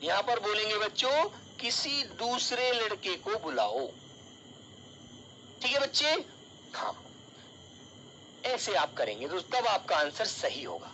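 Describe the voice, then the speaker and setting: A man's voice: sits high, very animated, slow, long pauses, sharp tone, slight background noise, poor audio. A male teacher giving an online exam-prep lesson, calling his students child and dear and explaining with everyday examples.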